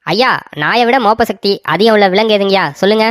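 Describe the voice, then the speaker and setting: A smug, know-it-all village man from a cartoon story sneers and taunts, rattling off his words at a quick clip, as a woman acts him out. The voice sits close and dry, with no room around it. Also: mid-range voice, no room sound, close to an everyday voice. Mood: scheming. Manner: taunting, fast and scornful.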